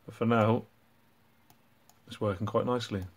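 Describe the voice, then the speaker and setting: A man with a low voice explains his own project in a casual, unhurried way. His delivery stays level and even, and he often pauses on ums and uhs while he works through the details. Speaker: robotics hobbyist channel host.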